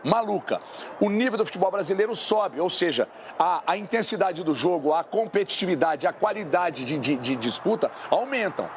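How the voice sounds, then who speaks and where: A man's voice: high voice, expressive, moderate pace, slight background noise. A man debating on a sports talk show, emphatic and repeating his points. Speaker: sports pundit. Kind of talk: heated studio debate. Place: television studio.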